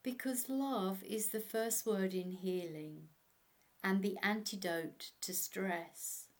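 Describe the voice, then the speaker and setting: A woman narrating a guided meditation as an instructor, in a measured way. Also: mid-range voice. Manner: slow, measured, instructional delivery.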